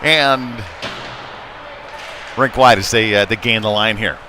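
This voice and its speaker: This commentator speaks slowly at a fairly low pitch while calling a live youth hockey game from rinkside in an indoor arena. Noisy rink sounds fill the background, and his hesitant, conversational commentary lifts excitedly on shots.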